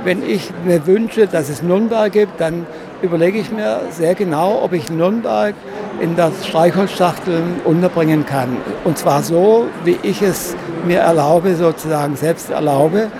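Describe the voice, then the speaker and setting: A man giving an interview about his craft, explaining in deliberate, wordy, precise phrasing. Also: high-pitched, a crowd in the background. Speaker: exhibitor and designer of paper models. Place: stand at a busy book fair. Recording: clear background noise of a busy fair.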